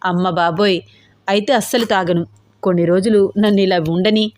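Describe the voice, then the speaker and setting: A brisk young husband who runs a company, teasing and short with his words, as a woman puts him on. He speaks at an even middle pitch. The sound is dry and close, with no room around it. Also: no echo, lightly acted. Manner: curt, teasing replies.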